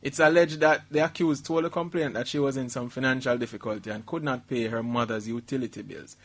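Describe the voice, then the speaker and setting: Speaking fast in a mid-range, steady, fairly bright voice, this middle-aged Jamaican radio host reads out news stories. After each headline he riffs with laughter and drops Jamaican Patois asides, keeping the banter casual and comedic.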